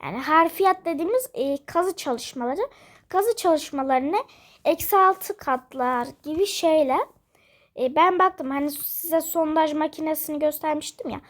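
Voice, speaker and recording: A young female gamer, sick and coughing, chatting quietly from her bedroom while she plays, rambling with lots of fillers. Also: sits high, normal speed. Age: school-age. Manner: rambling, many fillers, self-amused. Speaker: gaming vlogger. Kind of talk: casual let's-play chat. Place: bedroom at home.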